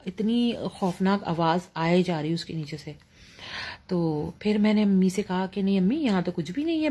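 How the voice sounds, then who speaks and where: Woman, middle-aged, Pakistani Urdu accent, casual ghost story, halting with fillers. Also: medium pitch, dark tone. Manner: storytelling with many fillers, acting out her mother's lines.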